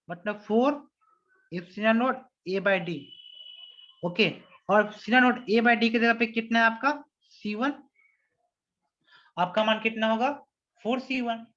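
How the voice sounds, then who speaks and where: A man's voice: sits high, fairly bright tone. Man teaching physics step by step. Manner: explains step by step, often checks whether everyone follows; reads English question text slowly. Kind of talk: online physics lesson. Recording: dull lo-fi recording.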